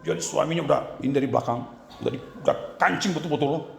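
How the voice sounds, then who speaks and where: A man preaching a Sunday sermon as pastor, telling stories and swinging between loud exclamations and quiet asides. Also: a little high, fast talker, vocal fry. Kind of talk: Pentecostal sermon with storytelling. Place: church sanctuary. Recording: very echoey church hall.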